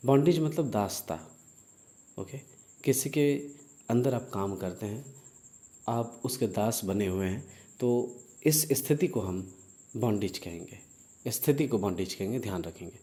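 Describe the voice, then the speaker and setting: A man teaching English vocabulary for an exam in Hindi mixed with English. He repeats words slowly to drill their pronunciation. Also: on the low side, warm tone. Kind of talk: exam-prep vocabulary lesson.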